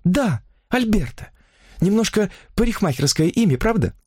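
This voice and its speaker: A man's voice: high-pitched, sing-song, moderate pace, a little mellow, slightly rough, no echo, clean studio sound, voice pushed up, heavily acted. Man putting on a gushing young woman.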